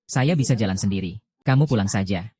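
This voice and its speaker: A man with a fairly low voice reads out a drama recap. He gives every character the same even, plain read-aloud delivery. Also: brisk, slightly rough, dry recording, clean studio sound. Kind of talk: reading all parts of a dubbed drama recap.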